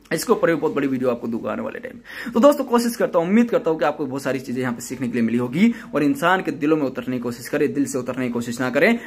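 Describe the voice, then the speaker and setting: A man's voice: fairly high pitch, fairly bright tone, breathy edge. A man hosting his own channel, giving an earnest motivational talk and repeating his points in a preaching way. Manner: earnest, repetitive preaching delivery. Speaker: YouTube channel host.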